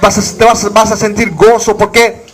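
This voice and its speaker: A man from Bolivia preaches a fervent sermon, his voice sitting high for a man. He keeps asking the congregation questions and answering them himself. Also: little pitch movement, moderate pace, faint music behind. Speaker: pastor.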